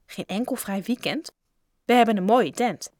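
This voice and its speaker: A woman voicing a boy who grumbles and is fast to say no, reading a storybook aloud. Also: medium pitch, animated, darkish tone, no room sound, clean studio sound, natural voice. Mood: flustered. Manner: sulky, quick to refuse. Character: boy, a complaining friend.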